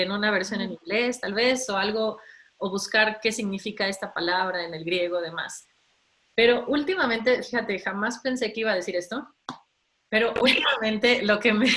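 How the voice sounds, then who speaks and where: Woman guest, chatty, even middle pitch, lots of fillers. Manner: chatty, frequent fillers and laughs. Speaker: interview guest. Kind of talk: casual faith conversation.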